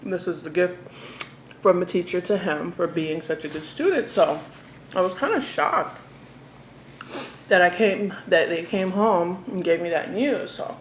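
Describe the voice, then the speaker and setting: A young woman casually telling a story to the camera during an eating show, talking while she eats and pausing for bites. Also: lowish voice. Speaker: mukbang vlogger. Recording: echoey room with faint background noise.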